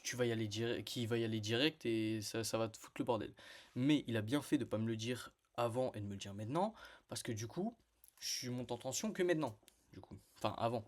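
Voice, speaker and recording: A young man spins a personal story for his viewers in a loose, slang-heavy storytime. His voice sits in an ordinary middle pitch, and he rambles, restarts and leans on fillers as he recounts each exchange. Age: young adult. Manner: slangy, rambling, animated retelling with many fillers. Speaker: vlogger telling a personal story. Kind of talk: casual storytime to camera.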